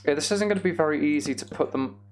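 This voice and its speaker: A man livestreams a game, chatting casually with viewers and muttering each step of his task to himself. His voice is a little high and very fast, and keyboard typing and clicking come through clearly in the background.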